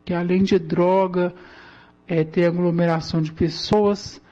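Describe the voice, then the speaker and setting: A woman's voice, disguised with a voice changer. She speaks slowly in a dark tone, weary and frustrated, and the sound is dull and lo-fi. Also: on the low side, fairly even intonation. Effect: voice-changer distortion to hide identity. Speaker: local resident. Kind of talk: anonymous complaint in a radio report.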